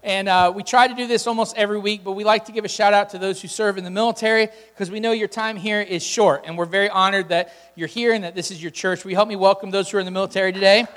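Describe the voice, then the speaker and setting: A man's voice: high voice, fairly even intonation, fast talker, hardly any pauses, a bit bright. A man speaking as a pastor, giving informal welcomes and announcements and addressing his congregation directly in a conversational way. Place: large church room with PA. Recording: hall reverb, music behind.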